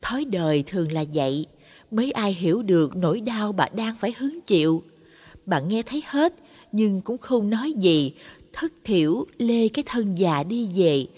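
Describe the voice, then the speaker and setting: Brief: female storyteller, dramatic scripted narration, breathy tone, reverberant sound. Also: medium pitch, lively intonation, moderate pace, dark tone. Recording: long reverb on voice.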